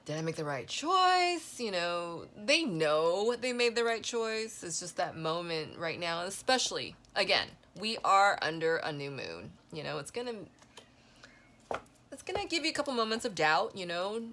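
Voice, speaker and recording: A woman giving a casual spoken tarot reading, rambling with many fillers and a voice that is going hoarse. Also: fairly low pitch, expressive, moderate pace, fairly bright tone, a little hiss or hum. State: losing her voice. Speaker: tarot reader.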